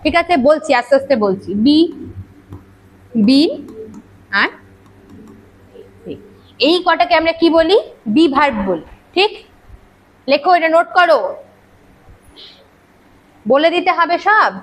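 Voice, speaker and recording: A woman with a strikingly high voice teaches grammar in a classroom, speaking. She drills her pupils with rapid rhetorical questions and scolds them when they chat. Her tone is brisk and teacherly throughout. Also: expressive, a bit bright, poor audio. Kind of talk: classroom lecture. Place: classroom with students.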